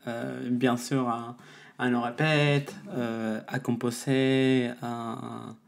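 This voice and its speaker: A woman, a musician answering interview questions in a halting way, searching for her words. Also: extremely low pitch, level tone, gravelly. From Mexico. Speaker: guest, musician.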